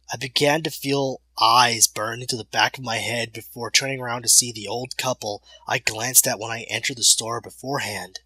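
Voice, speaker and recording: A man reading a scripted horror story as narrator, in a serious, deliberate, dramatic way. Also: mid-range voice, sharp tone, breathy edge, no room sound, low-quality recording.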